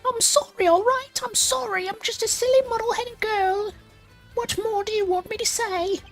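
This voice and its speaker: A cutesy, wheedling young confectioner with an extremely high voice. She whines and pleads melodramatically like a game character. Soft music sits behind her. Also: moderate pace. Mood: pleading. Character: whiny, wheedling girlish woman confectioner feigning silliness.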